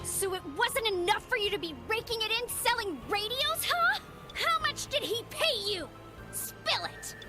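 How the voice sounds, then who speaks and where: An actress playing a blunt, sharp-tongued young female rebel leader. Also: extremely high pitch, animated, unhurried, music in the background.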